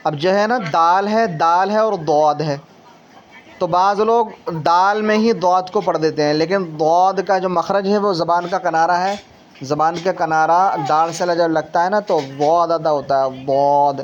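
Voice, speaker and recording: A high-pitched man runs a tajweed lesson on reading the Quran, going slowly, peppering his explanations with the tag "na" and repeating every letter sound for his student. The sound is lo-fi, carrying a faint hiss or hum.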